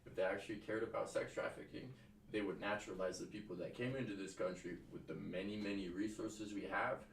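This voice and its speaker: A man streaming his reactions to news clips, talking casually, swearing often and laughing through rambling asides. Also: low voice. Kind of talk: casual profane stream commentary. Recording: roomy room mic from some distance, faint noise.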